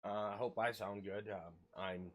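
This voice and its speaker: Sick with a cold and a cough, a male livestreamer chats casually into a desk microphone, rambling with lots of fillers and the occasional swear word. His voice sits on the low side, steady in tone, at a normal speed.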